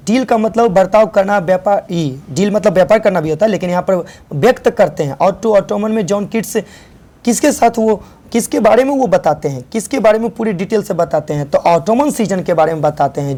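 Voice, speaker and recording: Mellow-voiced woman teaching a lesson. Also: medium pitch. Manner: repeats and explains each term, asks and answers herself. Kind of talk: exam-prep lesson explaining questions.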